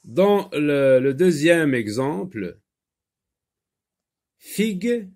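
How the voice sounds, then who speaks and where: Middle-aged guy teaching phonics to kids, slow and patient, keeps repeating the sounds. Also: mid-range voice, expressive, darkish tone. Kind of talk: French phonics lesson for children.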